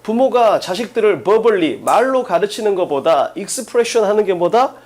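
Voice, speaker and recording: A man's voice: high voice, big pitch swings, a little mellow. Emphatic man drilling an exam-prep class. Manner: drills students with rapid questions, emphatic. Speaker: English teacher.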